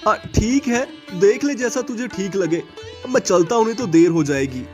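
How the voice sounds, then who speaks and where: A man voicing a poor, caring husband and father in an animated story, reassuring his wife. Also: high voice, normal speed, soft background music, voice pushed up.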